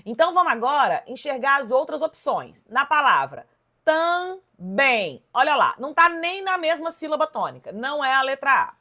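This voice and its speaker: A Brazilian woman teaching a live online class, correcting exam questions in a lively, emphatic way and talking straight to her viewers. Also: high voice, fairly quick, hardly any pauses. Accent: Brazilian Portuguese. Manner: lively, emphatic, addresses viewers directly with "ó" and "tá vendo?". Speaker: Portuguese teacher.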